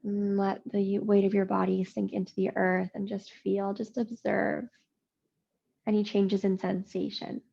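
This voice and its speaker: A woman yoga teacher leading a slow guided practice, soothing and unhurried with long pauses. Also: medium pitch, flat delivery, vocal fry, dark tone, husky, highs cut off.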